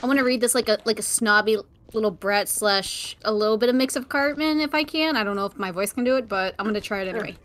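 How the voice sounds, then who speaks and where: A woman streamer chatting casually while playing, excitable and quick to react. Her voice sits on the high side. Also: a little hiss or hum. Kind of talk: casual gaming chat.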